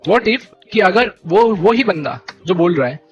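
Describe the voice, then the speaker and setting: A young man leading a gaming team, ranting to his stream viewers in an animated, indignant way and repeating fillers. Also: high voice, measured pace, lo-fi sound, soft background music. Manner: animated and indignant, keeps repeating "theek hai" and "bhai". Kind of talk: heated live-stream rant.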